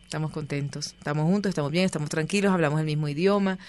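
Animated woman telling stories. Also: low voice, racing. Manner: animated storyteller, acts out quoted voices. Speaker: interview guest. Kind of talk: casual interview storytelling.

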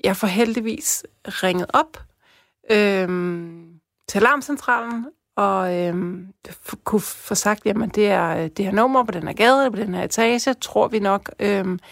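A woman from Denmark casually telling a personal story, chatty with many fillers, dropping to a hush and then rising with excitement. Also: mid-range voice, creaky, dry recording, clean studio sound.

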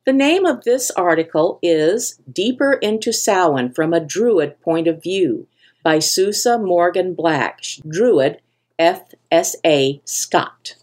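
A woman's voice: fairly low pitch, expressive, takes it slowly, a little mellow. An older woman hosting a pagan podcast, reading her own essay in an earnest, impassioned way. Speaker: podcast host.

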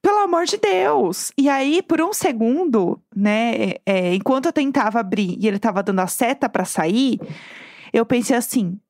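A Brazilian woman with a Brazilian Portuguese accent, telling a story in an animated casual chat with frequent laughter, over a video call. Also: a little high, moderate pace, no room sound, clean studio sound. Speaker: podcast co-host.

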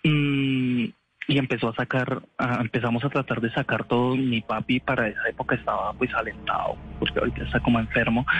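A man's voice: medium pitch, fairly bright tone, breathy edge, highs cut off. A man casually telling a story in an interview, rambling with restarts and slangy asides.

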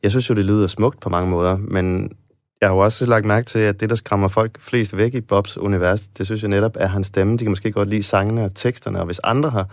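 A man's voice: on the low side, steady tone, no echo, clean studio sound. A man hosting a music talk show, reading a scripted introduction and then chatting with enthusiasm as a fan. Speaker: radio host. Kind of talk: scripted introduction and casual interview.

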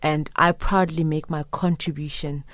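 Low-voiced woman from Zimbabwe, dry. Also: steady tone, moderate pace, no room sound. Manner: earnest, reflective, with soft laughs. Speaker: singer-songwriter guest. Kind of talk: radio interview.

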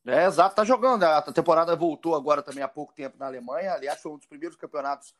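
Higher-pitched Brazilian man hosting football talk. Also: very fast. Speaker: sports podcast host.

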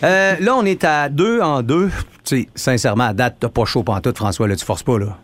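A man's voice: medium pitch, moderate pace, no room sound. A man with a Quebec French accent hosting a morning radio show, teasing a caller in casual banter. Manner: joking, teasing, chatty.

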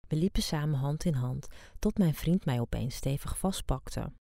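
Woman, erotic story reader, low mellow tone with some fry, dry close sound. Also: lively intonation, moderate pace, dry recording. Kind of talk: scripted erotic story reading.

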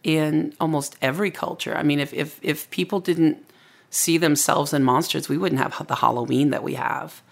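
A storyteller with a noticeably gravelly, fry-laden voice speaks as an interview guest. The delivery is casual and conversational, explaining lore in a reflective way. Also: mid-range voice, steady tone, moderate pace.

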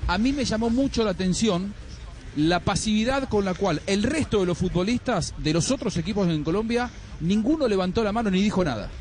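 A man calls in from outdoors in a city to a sports radio show, speaking with a concerned, emphatic tone. His voice is high for a man. Faint street noise hums behind him. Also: expressive, brisk, darkish tone.

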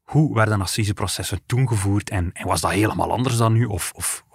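A man's voice: on the low side, a little fast, creaky, slightly rough, no room sound, clean studio sound. A man, a journalist, co-hosting a podcast and explaining a past case in an storytelling way. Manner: explanatory storytelling, some restarts. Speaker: journalist co-host. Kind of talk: podcast conversation.

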